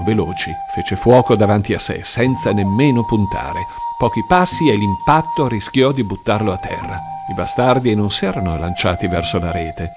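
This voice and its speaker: A man reading a dramatic audiobook in an expressive, tense storytelling manner. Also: fairly low pitch. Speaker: narrator. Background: music.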